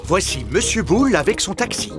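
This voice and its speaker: A woman's voice: medium pitch, big pitch swings, brisk, lightly acted. A woman playing a cheerful storybook narrator of a children's cartoon, reading scripted lines. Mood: bright, informative. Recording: loud music behind the voice.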